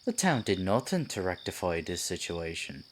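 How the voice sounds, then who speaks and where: A low-voiced, sinister piper acted out by a man in an ASMR fantasy roleplay. He is silky and condescending, coaxing his prey like a theatrical storyteller with lively swings of pitch. Night insects chirp faintly behind him. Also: moderate pace, slight background noise. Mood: storytelling, ominous. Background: crickets, night forest ambience.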